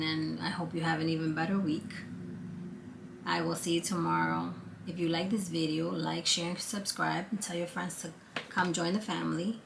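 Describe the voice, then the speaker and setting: A woman's voice: on the low side, creaky, fairly bright tone, a little hiss or hum. A woman with a Brooklyn accent chatting casually and encouragingly to viewers in an earnest, conversational motivational vlog. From born in Guatemala, lived in Brooklyn, New York for many years. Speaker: vlog host, former counselor.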